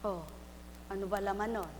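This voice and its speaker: A woman preaching a live sermon, fervent and full of refrains, moving from soft confession to loud exhortation. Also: mid-range voice, fairly even intonation, normal speed. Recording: hall reverb, faint hum.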